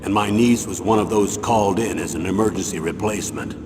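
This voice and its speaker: A man's voice: on the low side, a little fast, background noise, lightly acted. A man voicing a grave, earnest retired colonel giving a commanding mission briefing in a video game. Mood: grave, businesslike. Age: older. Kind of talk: dramatic video game voice acting. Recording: long hall reverb, music behind.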